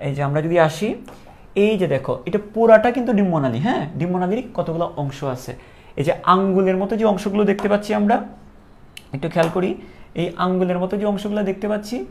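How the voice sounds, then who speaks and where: Gravelly male teacher drilling terms. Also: sits high, a little mellow, slight background noise. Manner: drills terms in call-and-response, repeating each answer. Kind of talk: classroom lecture.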